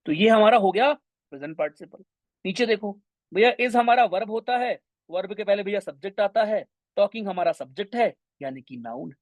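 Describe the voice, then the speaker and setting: A young man teaching English grammar in an online exam-prep class, energetic and mixing English terms into his talk. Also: sits high, a little fast, no echo. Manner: energetic, mixes Hindi with English terms, addresses students as brothers.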